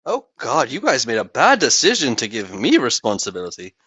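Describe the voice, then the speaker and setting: A man's voice: medium pitch, huge pitch swings, brisk, sharp tone, slightly rough, no echo. A man playing a tabletop game, chatting casually with playful, teasing banter, on slightly muffled audio.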